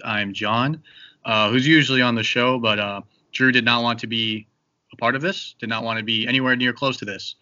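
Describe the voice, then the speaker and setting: Bright-voiced man hosting a casual podcast. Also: medium pitch, highs cut off. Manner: joking, loose, lots of uh fillers. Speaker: podcast host.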